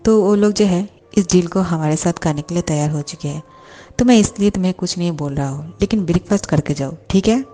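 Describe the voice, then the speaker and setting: A woman's voice: on the low side, a little fast, mellow, close to an everyday voice. A woman voicing a stern father who heads the company and scolds his son with commands.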